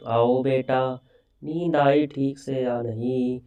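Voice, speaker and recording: A gentle, loving mother-in-law, read by a man in a storybook tale, soothing and sweet. The voice is slow and mellow and sits a little back from the microphone. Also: medium pitch, fairly even intonation, far from the mic, close to an everyday voice. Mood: tender. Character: kind affectionate middle-aged mother-in-law.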